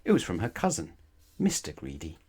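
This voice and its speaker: A man's husky, darkish voice sits low and swings hugely in pitch as he reads a bedtime story to a child. Playful and emphatic, he draws out key words and throws rhetorical questions at the young listener.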